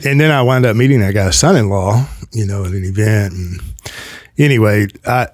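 An older man hosting a casual podcast conversation, telling stories in a rambling way and clearing his throat often, at a boom mic in a small office studio. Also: dry recording. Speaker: podcast host. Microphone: desk podcast mic on boom arm.

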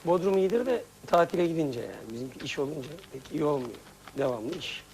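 A man's voice: fairly high pitch, animated, fast, creaky, a little mellow, a little hiss or hum, poor audio. A man as a studio guest, answering the host in short, laconic replies.

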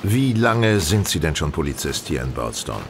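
An actor playing Sherlock Holmes, a courteous, wry, probing gentleman detective in a German radio drama. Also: extremely low pitch, big pitch swings, moderate pace, full character voice. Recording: ambient noise behind the voice.

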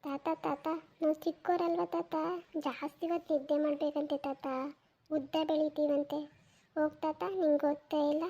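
A drowsy, whining village boy in a cartoon, voiced by a woman. The voice sits very high and drags when he pleads for more sleep. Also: level tone, normal speed, warm tone. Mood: grumbling. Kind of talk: cartoon voice acting.

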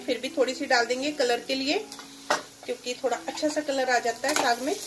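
High-voiced woman chatting while cooking. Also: background noise. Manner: chatty, homely, explains as she cooks. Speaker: cooking vlogger. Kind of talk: casual cooking demonstration. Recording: music playing behind.

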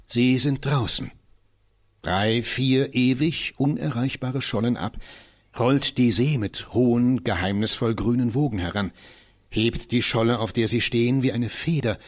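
A man's voice: medium pitch, unhurried. A man reading literary prose aloud in a staged reading, telling it dramatically and expressively. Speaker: reader.

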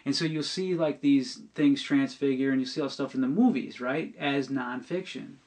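Earnest but hesitant, a middle-aged man gives a personal testimony on a podcast, restarting sentences and repeating words often. His voice is mid-range with a darkish tone.

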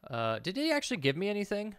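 This thirties-aged gaming video host talks through a let's play casually from a small home room, muttering to himself and swearing offhandedly as game music plays. His smooth, fairly bright voice sits high, moves quickly, and swings hugely in pitch.

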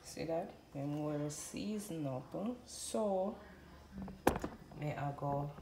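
Low-voiced woman cooking at home. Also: very slow, creaky, very noisy. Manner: chatty, addresses viewers directly. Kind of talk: casual cooking commentary. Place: home kitchen. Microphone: phone camera off-screen. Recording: loud frying sizzle behind voice. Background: frying and sizzling food.

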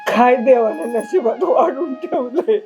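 A woman's voice: high voice, expressive, unhurried, a little mellow, faint music behind. A woman playing an aging mother who speaks in a tearful, pleading way. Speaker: actor. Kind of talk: short-film acting.

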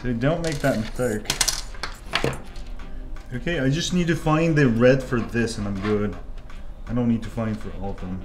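At a workbench indoors, a native Korean speaker who grew up in Korea chats his way through a soldering tutorial at normal speed, pausing often against background noise. He's a 3D printing tutorial host, rambling casually, breaking into excited high exclamations and muttered asides. The mic is off-camera in a hands-only shot of the workbench.

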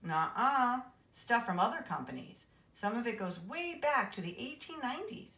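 A woman's voice: a little high, sing-song, normal speed, bright, forceful tone, voice pushed up, full character voice. A woman reading aloud, voicing a chatty, offhand schoolgirl. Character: casual, offhand schoolgirl friend. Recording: roomy echo.

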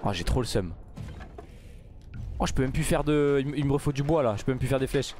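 A man giving casual let's play commentary, mumbling then bursting into loud outbursts. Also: mid-range voice, brisk, a little hiss or hum. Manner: excitable, swings from mumbling to outbursts. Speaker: gaming YouTuber.

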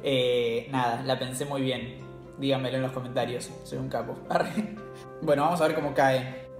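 A man's voice: mid-range voice, fairly even intonation, moderate pace, faint music behind. Chatty Argentine man in an echoey room. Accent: Argentine Spanish. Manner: chatty and slangy, laughs often. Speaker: cooking channel host. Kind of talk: casual tasting vlog.

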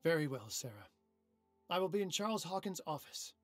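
An actor playing a bookish, self-assured male occult scholar in a dramatic video game, with a husky voice. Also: a little high, sing-song, normal speed, no room sound, soft background music.

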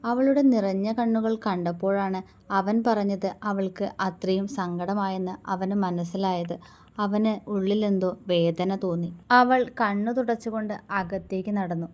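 A woman storyteller reading a romance series aloud in a steady, even narration voice at a medium pitch. Her delivery stays calm between the dialogue. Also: normal speed.

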